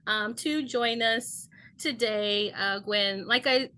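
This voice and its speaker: A woman's voice: on the high side, takes it slowly. A woman hosting an online healing event over a video call, speaking earnestly with many ums. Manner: warm-paced, filler-heavy, earnest. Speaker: host, shamanic healer.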